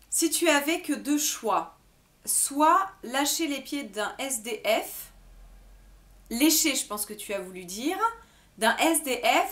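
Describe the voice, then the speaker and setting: A woman's voice: on the high side, fairly bright tone. A young woman from France, a beauty vlogger chatting casually to camera and answering viewer questions, giggly and full of fillers. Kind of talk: casual FAQ chat to camera.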